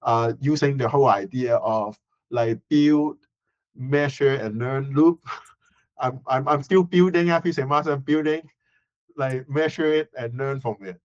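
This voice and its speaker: A man's voice: medium pitch, unhurried. A man speaking as a university professor, thinking aloud with hesitations and fillers. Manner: thoughtful, hesitant, many fillers. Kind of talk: reflective interview answer. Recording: dull, slightly lo-fi sound.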